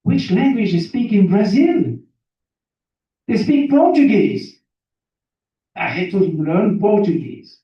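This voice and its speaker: A Burundi-born Belgian guest speaker at a seminar, a native French speaker with a French accent, motivates his audience with his life story in simple English, repeating phrases and asking questions. His voice is high-pitched and dark in tone, very animated but slow, with long pauses. The very echoey room and distant mic make it muffled.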